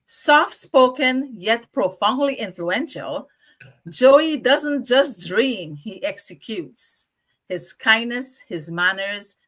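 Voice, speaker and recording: A bright-voiced middle-aged woman from Guyana hosts a live online chat show. She talks with eager enthusiasm and gushing praise, often breaking into laughter. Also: medium pitch. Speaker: show host.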